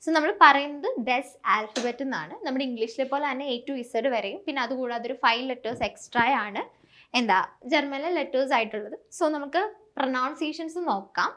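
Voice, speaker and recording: A woman's voice: sits high, fairly quick, a bit bright. A woman German tutor, explaining a beginner lesson step by step and repeating each point.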